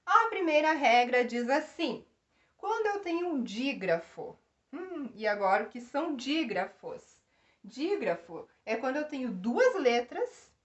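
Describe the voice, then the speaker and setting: A woman giving a grammar lesson, explaining step by step and asking the class questions. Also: high-pitched. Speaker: teacher.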